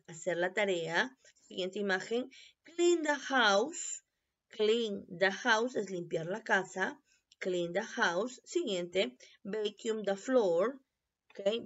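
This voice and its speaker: A woman teacher walks students through a review, translating each English phrase and saying it again slowly so they catch the pronunciation. Her delivery is unhurried and patient in pace. The recording sounds dull and lo-fi. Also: mid-range voice, fairly bright tone. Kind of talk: recorded classroom review lesson.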